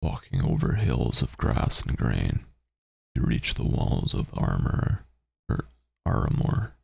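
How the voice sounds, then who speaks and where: A man streaming a game, reading its story text aloud and adding halting, muttered casual commentary. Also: wildly swooping pitch, darkish tone, no echo, clean studio sound. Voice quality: very deep, gravelly, husky.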